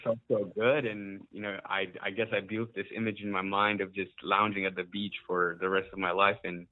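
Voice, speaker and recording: A man from Uganda, a musician, talks through an interview in a loose, halting way, full of ums and quick laughs. His voice sits a little low, and it comes through a thin, phone-like line that cuts away the lows and highs. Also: level tone. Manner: hesitant, many ums, laughs often. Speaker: musician guest. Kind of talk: casual interview.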